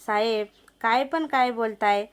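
A woman's voice: on the high side, measured pace, smooth, close to an everyday voice. A woman voicing a poor, hardworking village wife who pleads and stands firm in a story. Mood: pleading. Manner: pleading, defiant.

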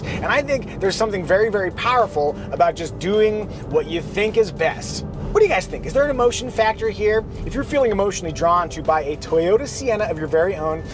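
Male car-review host, high voice, easygoing, talks while driving, light vehicle hum behind. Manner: relaxed, chatty, with playful asides. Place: inside a minivan, driving.

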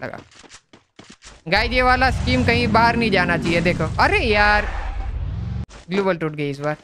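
A man's voice: high-pitched, lively intonation, moderate pace. A man with an Indian accent, a gaming host chatting and teasing his teammate. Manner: joking, teasing banter. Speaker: gamer host. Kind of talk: casual gaming chat. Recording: noisy game audio behind.

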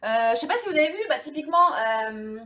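A woman's voice: sits high, expressive, fairly quick, bright, forceful tone. A woman in her thirties hosting a live cooking stream, chatting casually with viewers, laughing often and full of fillers and restarts. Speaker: livestream host cooking.

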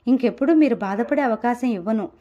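A woman reading a gentle apologetic married man. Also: a little high, brisk, dull audio, natural voice. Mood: tender. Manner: soft, coaxing, pleading.

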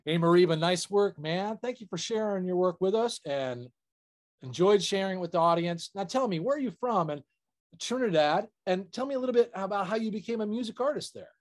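An older man hosts a relaxed interview over a video call from a small indoor room. His voice runs high for a man, and he talks to his guest in a friendly, chummy way. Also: brisk, faint music behind. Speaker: host. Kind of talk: casual interview hosting.

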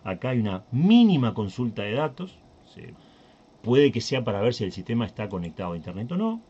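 A man's voice: medium pitch, sing-song, fairly quick, dark tone, slightly rough, muffled recording. A Uruguayan man hosting a tech channel, talking casually through a screen recording and thinking aloud with many fillers and restarts. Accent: Uruguayan Spanish.

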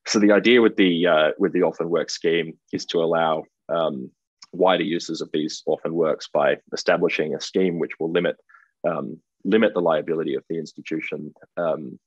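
A middle-aged Australian keynote speaker presents a conference talk over a webcam video call from his indoor office, hesitating with frequent ums and restarted phrases. His very low, husky voice holds a steady tone, and the audio is dull, lo-fi, dry and close.

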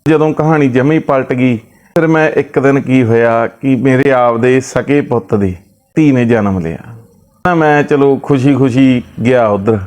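Storyteller, male, even middle voice, recounts a told story. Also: mid-range voice, normal speed. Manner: relays another man's words with repeated "he says". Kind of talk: retelling a family story.

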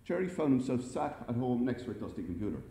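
A man reading a humorous story aloud to a live audience in a wry, lively way, recorded in an echoey library hall. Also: medium pitch, fast talker. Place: library event space.

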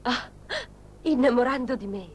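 A woman's voice: a little high, unhurried, a little hiss or hum, natural voice. A woman voicing a hesitant, doubtful young woman being courted, in a dubbed telenovela. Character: wary young woman named Rosa. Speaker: romantic heroine.

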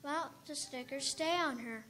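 A woman voicing a small, timid male wooden doll who pleads in loud, drawn-out lines at a school stage reading. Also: high-pitched. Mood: pleading.

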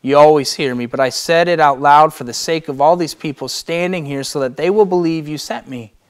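A man's voice: on the high side, a little fast, clear, resonant tone. Impassioned man preaching a sermon. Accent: Midwestern American. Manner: impassioned preaching, swinging between loud and hushed. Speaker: pastor.

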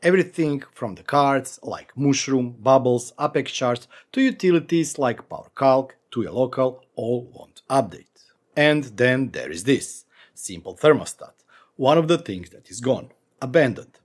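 A man's voice: mid-range voice, animated, unhurried. A man in his forties hosting a screen-recorded tech tutorial from a home office, talking through steps with wry asides. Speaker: tech channel host.

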